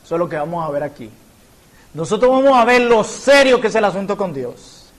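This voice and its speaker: A man's voice: sits high, sing-song, brisk. A man from Colombia, a pastor, teaching a church Bible class in an earnest, explanatory way and illustrating points with personal stories.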